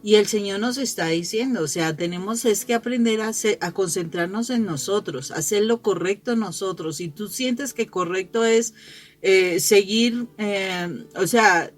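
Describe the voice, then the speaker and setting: A woman's voice: medium pitch, measured pace, soft background music. A middle-aged woman gives a conversational gospel reflection for families. She tells personal stories, laughs often and restarts her phrases as she goes. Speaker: lay speaker giving a family gospel reflection.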